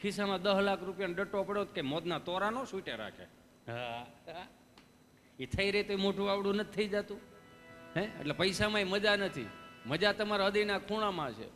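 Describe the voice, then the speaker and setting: A man's voice: high-pitched, a little fast, fairly bright tone, in a large hall, faint music behind. A man with a Kathiawadi Gujarati accent performing a live stage comedy monologue, telling folksy stories with preachy asides. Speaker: stand-up comedian.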